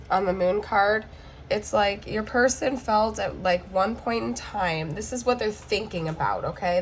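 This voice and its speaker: Still getting over the flu, a woman with a hoarse, cracking, medium-pitched voice reads tarot cards to camera in a chatty way, often pausing to say "okay?". A little hiss or hum sits under the recording.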